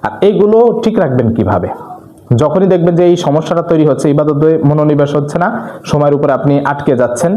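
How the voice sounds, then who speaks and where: A man preaching a religious talk, earnestly urging listeners and slowly reciting Arabic supplications. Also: a little high, mellow, roomy sound. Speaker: Islamic preacher.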